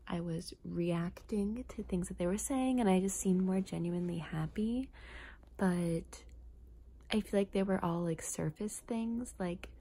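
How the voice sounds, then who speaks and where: A soft-spoken woman doing casual ASMR talk in a dark, relaxed, slightly low voice. Her delivery is hushed and breathy, with plenty of creaky vocal fry. She often drops into a whisper as she chats. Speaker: ASMR content creator.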